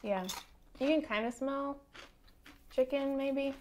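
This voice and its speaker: A woman's voice: high-pitched, fairly even intonation, takes it slowly, slight background noise. Woman talking with a mouthful of chips. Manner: easygoing, agreeable, thinking aloud. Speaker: snack review co-host. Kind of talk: casual chat.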